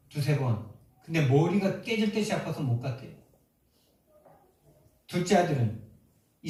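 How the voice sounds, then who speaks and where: A man's voice: a little high, dark tone. Emphatic male pastor in an echoey church. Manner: emphatic, rhetorical questions to the congregation. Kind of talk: sermon. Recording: echoey hall from far off.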